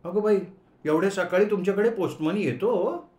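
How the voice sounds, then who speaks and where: A man's voice: sits high, moderate pace, voice pushed up, natural voice. A man voicing a shy, sweet-spoken young woman in her twenties, in an echoey room. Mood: coy. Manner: gentle, coy.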